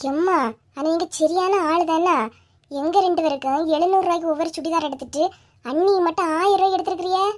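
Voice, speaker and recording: A sulky, dramatic young wife from a cartoon story, played by a woman. She speaks with a Kanyakumari Tamil accent in a whining, sing-song plea, and her voice sits very high and thin. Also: fast. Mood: complaining.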